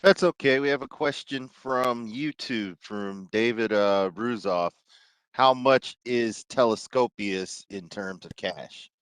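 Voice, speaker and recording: A man's voice: medium pitch, slow, few pauses, a bit bright, smooth, no echo. A man relaying viewer questions in a virtual club meeting, easygoing and a little self-deprecating, over a video call. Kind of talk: casual meeting talk.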